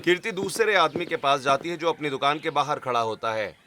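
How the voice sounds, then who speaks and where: A man narrating a cartoon story in a steady, scripted way. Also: on the high side, a little fast, a crowd in the background.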